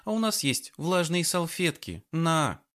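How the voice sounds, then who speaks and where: A man voicing a sharp-tongued scolding young woman. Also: fairly high pitch, very animated, a little slow, voice pushed up. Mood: exasperated. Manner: scolding, mocking.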